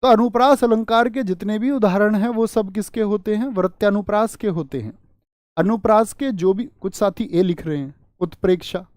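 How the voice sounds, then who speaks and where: A man's voice: high voice, moderate pace, darkish tone, no room sound, clean studio sound. Man teaching with repeated quiz questions. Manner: drills points by repeating them; keeps firing quiz questions at students. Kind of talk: online exam-prep lesson.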